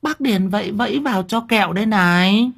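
A man voicing a simple-minded young village woman who talks like a small child, whining and insisting in a high sing-song voice. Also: brisk, creaky. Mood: eager.

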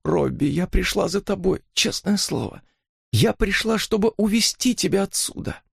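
A man's voice: high voice, animated, normal speed, gravelly, husky, no room sound, pitched above the performer's own voice, exaggerated voice. A frightened young woman, played by a male narrator, pleads in a raised, trembling voice that rises and falls a lot. The reading sounds close and dry, with no room around it. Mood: desperate pleading. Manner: trembling, begging. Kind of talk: audiobook reading.

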